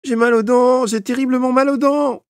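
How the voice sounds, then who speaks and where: A man's voice: a little high, lively intonation, brisk, a little mellow, no echo, clean studio sound, voice pushed up. A man voicing a scared, tearful boy with a toothache who whimpers and pleads. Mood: wailing.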